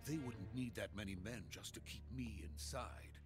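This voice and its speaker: An actor playing an anxious middle-aged Soviet scientist in a video game cutscene, speaking in a formal, deliberate, earnest way. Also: male voice, lowish voice, over music, natural voice. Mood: subdued, uneasy.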